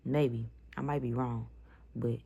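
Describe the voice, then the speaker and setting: Low gravelly young woman ranting. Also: fairly even intonation, slow, mellow, highs cut off. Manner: blunt, slangy and profane, ranting to viewers. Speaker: vlogger. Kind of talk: casual storytime vlog.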